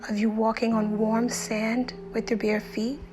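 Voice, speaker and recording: A slightly high-pitched woman leads a guided meditation with a flat delivery, speaking slowly and calmly. She leaves deliberate pauses, her phrases trail off soft and breathy, and music plays behind her.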